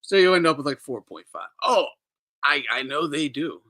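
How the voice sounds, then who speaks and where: A man's voice: a little high, animated, normal speed, sharp tone. A man hosting a boxing talk show, ranting casually, laughing often and swearing freely. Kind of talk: casual profane rant.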